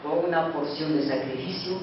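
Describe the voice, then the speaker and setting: High-pitched preacher in echoey hall. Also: male voice, normal speed. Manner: emphatic preaching, swings from loud to hushed. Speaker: pastor. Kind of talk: sermon. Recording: echoey hall from far off, dull and noisy.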